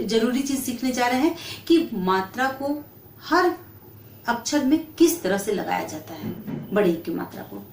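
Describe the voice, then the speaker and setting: A woman teacher explaining a children's lesson slowly, drawing out each syllable. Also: sits high, reverberant, distant mic, a little hiss or hum. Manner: slow, drawn-out syllable-by-syllable explanation.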